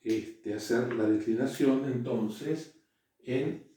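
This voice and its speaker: A man giving a classroom lecture, halting, with frequent "eh" and checks that students follow. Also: mid-range voice, dark tone, a little hiss or hum. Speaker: teacher. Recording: echoey room, voice from far off.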